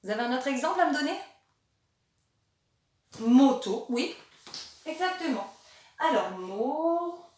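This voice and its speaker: A woman teaching a remote lesson to young children, in a gentle, encouraging way, speaking slowly and articulating clearly. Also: sits high, animated. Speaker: primary school teacher. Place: classroom or room with a board. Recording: very echoey room, voice from a distance.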